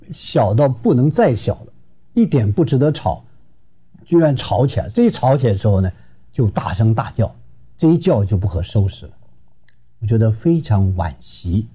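Animated man, husky and dark. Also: lowish voice. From Shenyang, Northeast China. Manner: lively and emphatic, acting out quarrels. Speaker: marriage counselor. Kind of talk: advice lecture.

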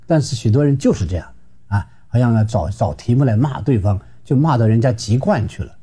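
A man from Shenyang, a marriage counselor giving an advice lecture in a lively, emphatic way. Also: mid-range voice, fairly quick, husky. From Shenyang, Northeast China. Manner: lively and emphatic, acting out quarrels.

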